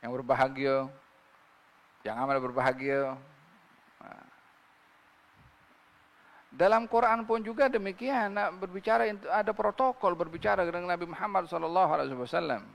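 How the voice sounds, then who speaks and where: Guy preaching, kinda high voice with a lot of gravel, keeps asking the crowd rhetorical questions. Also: animated, moderate pace, pauses often, in a large hall. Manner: asks listeners rhetorical questions and recites scripture in Arabic. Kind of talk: religious sermon.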